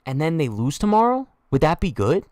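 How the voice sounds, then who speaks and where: A man's voice: fairly high pitch, very animated, fairly quick, a little mellow, no room sound, studio quality. A young man hosting a live-stream sports chat, trash-talking in a joking way, heavy on slang, and reading viewer comments aloud. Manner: slangy, says "bro" a lot. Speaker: sports show host.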